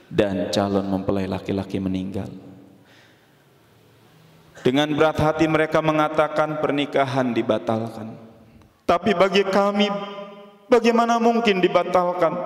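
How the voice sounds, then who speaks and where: A man's voice: mid-range voice, lightly acted. A man doing a flustered bride's father. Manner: hurried, pleading. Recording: echoey hall.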